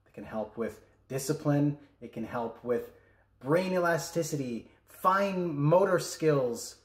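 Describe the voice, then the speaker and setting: A middle-aged man and music educator, explaining things step by step in a relaxed teaching chat. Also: a little high, slow, breathy edge.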